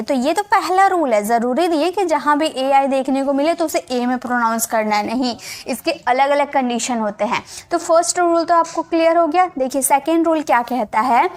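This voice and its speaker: A woman teaching English phonics in a spoken lesson, patiently spelling out letters and repeating each word. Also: high-pitched. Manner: often checks in with the viewer.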